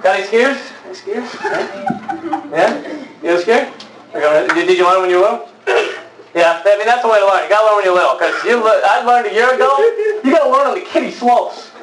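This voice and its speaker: A male stand-up comic with a strikingly high voice works through his set with deadpan punchlines. The sound is roomy and distant, caught from a mic well away from him. Loud noise sits under everything. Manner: quick deadpan punchlines, acts out little voices. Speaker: stand-up comedian. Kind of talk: stand-up comedy routine. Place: club stage with audience laughter. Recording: roomy live club recording, mic far off, loud noise.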